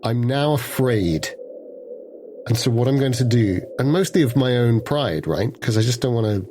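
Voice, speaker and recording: A man's voice: medium pitch, animated, normal speed, noisy background. A man playing a tabletop game, anxious and self-mocking, stammering as he talks. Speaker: player. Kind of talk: tabletop role-play chat.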